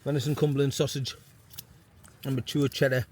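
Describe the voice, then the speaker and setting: A man's voice: medium pitch, level tone, brisk. A man chatting casually to viewers as an outdoor camping vlogger, in blokey slang, talking with the wind in his face. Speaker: wild camping vlogger and host. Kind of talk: casual outdoor vlog chat. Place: outdoors at an exposed wild campsite in high wind. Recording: loud wind noise buffeting the microphone.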